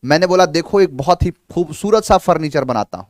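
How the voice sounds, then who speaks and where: A male grammar teacher giving a live online lesson, animated, acting out imagined student replies in quick back-and-forth dialogue. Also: fairly high pitch, dry recording, clean studio sound.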